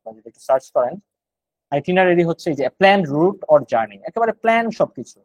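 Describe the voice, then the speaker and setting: A man's voice: on the high side, sing-song, fairly quick, no room sound, muffled recording. A man with a Bangladeshi accent teaching GRE vocabulary online, explaining words one at a time and thinking aloud.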